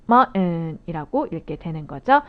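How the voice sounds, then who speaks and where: 여성 파닉스 강사의 생동감 있는 설명. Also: female voice, fairly low pitch, expressive, measured pace. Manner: explanatory, poses questions to the viewers. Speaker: phonics instructor training teachers. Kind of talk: video lecture. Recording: dull lo-fi audio.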